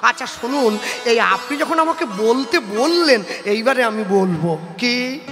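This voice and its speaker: A man voicing a calm young male scholar who politely and cleverly challenges his elder, on a live stage. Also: very high-pitched, measured pace, voice pushed down, heavily acted. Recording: live stage hall with music.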